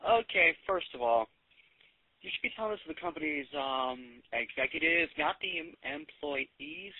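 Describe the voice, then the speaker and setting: A man's voice: a little high, big pitch swings, normal speed, creaky, dry recording. A young man doing a sarcastic, rambling comedy monologue. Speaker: amateur comedian. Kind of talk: stand-up style comedy monologue. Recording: tinny phone-like lo-fi recording.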